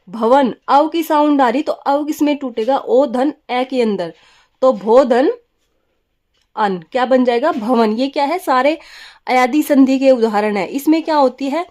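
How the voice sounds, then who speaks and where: A woman's voice: sits high, darkish tone. A woman teaching a grammar class. She asks her students questions, answers them herself, and repeats the key words, with English words mixed into her talk. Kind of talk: classroom lesson.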